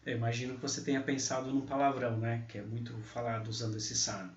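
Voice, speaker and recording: A man teaching a pronunciation lesson, slowly repeating example words out loud. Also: mid-range voice, level tone. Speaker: English teacher. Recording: echoey, distant, dull mic.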